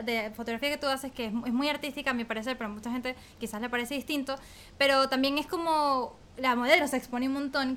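A woman's voice: sits high, fairly bright tone. A woman hosting a podcast, introducing and interviewing a guest in friendly, casual talk, laughing often. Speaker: podcast host.

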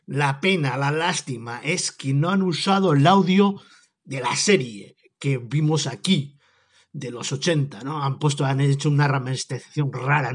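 Chatty, jokey man rambling. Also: on the high side. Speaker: podcast host. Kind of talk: casual rambling monologue.

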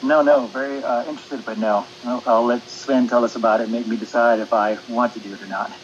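A man's voice: mid-range voice, flat delivery, a little fast, dull audio, a little hiss or hum. A man co-hosting a podcast, answering in short, laid-back replies. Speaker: podcast co-host. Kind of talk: casual podcast chat.

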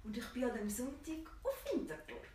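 A woman's voice: on the high side, animated, a little fast, warm tone, a little hiss or hum. A woman with a Swiss German accent tells a personal story in conversation, acting out quoted dialogue and laughing often. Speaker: guest. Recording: echoey room, distant mic.

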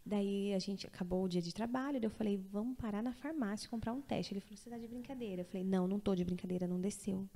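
A woman's voice: mid-range voice, fast, few pauses, warm tone. A woman in her thirties, a guest on a chat show, telling a personal story in a casual way and acting out the voices of the people in it.

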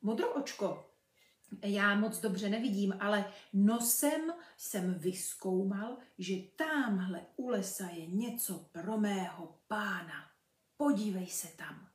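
A woman's voice: medium pitch, close to an everyday voice. A woman voicing a friendly, boastful male hunting dog who is eager to show off, in a children's storybook reading. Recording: roomy, from a distance.

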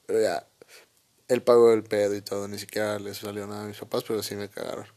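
A young man with a Mexican accent, hosting a podcast and telling a funny story in a casual, slangy, animated way, laughing often. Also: on the low side, quick pace. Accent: Mexican Spanish. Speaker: podcast host.

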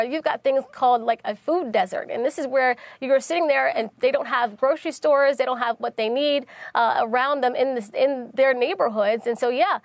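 High-voiced woman, defensive candidate. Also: no room sound. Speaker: political candidate on a TV talk show. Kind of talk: televised panel debate.

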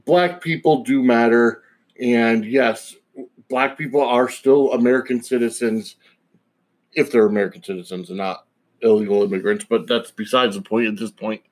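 A man's voice: medium pitch, moderate pace, rough recording. A man hosting a podcast alone, giving a casual opinion monologue in a rambling, digressive way. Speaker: podcast host.

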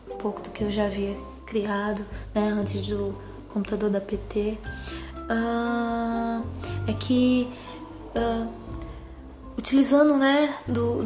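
Slow-talking woman with a cutesy, soft voice. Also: medium pitch. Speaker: psychologist. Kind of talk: reflective personal monologue.

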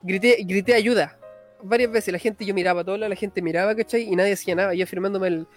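Young Chilean man, high voice, rapid slangy storyteller, faint music bed. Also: steady tone. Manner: fast slangy storytelling, frequent "cachai" tags. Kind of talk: casual storytelling chat.

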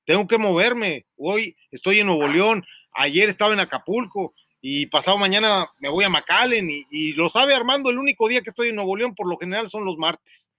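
A man's voice: high voice, normal speed, sharp tone, no room sound, studio quality. A Mexican man hosting a radio talk show, rambling and joking with profanity as he tells stories.

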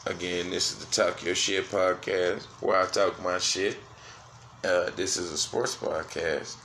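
A man hosting a solo sports podcast, cursing freely and swinging between loud outbursts and quiet, low asides. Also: steady tone, a little slow, vocal fry, reverberant, slight background noise. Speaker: podcast host.

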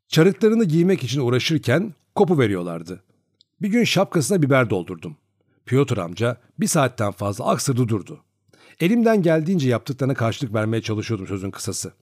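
Male narrator, audiobook reading, lively intonation, dry close sound. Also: mid-range voice, dry recording. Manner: expressive storytelling.

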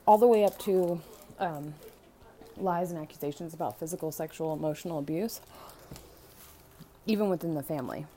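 A woman's voice: low-pitched, moderate pace, long pauses, warm tone. A woman in a casual monologue on family dynamics, speaking hesitantly with frequent "um"s and restarts.

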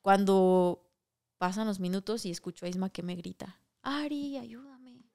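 Young Mexican woman, podcast co-host, smooth clear voice, casual crude storytelling. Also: on the low side, normal speed. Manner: animated, crude slang-heavy storytelling.

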